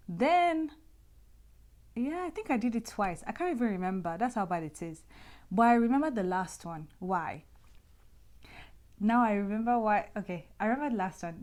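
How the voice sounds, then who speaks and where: A woman hosts a solo podcast, telling her own stories in an easy, mid-pitched voice. She talks in a lively, nostalgic way, often restarting her sentences as the memories come back. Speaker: podcast host. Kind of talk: personal storytelling monologue.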